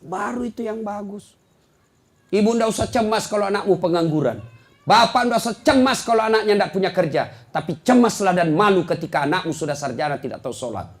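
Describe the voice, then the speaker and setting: A middle-aged man preaching a humorous sermon, firing rhetorical questions at the congregation and building to shouted climaxes. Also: high-pitched, animated, a little fast. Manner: jokey, addresses the audience directly with rhetorical questions. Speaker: Islamic preacher.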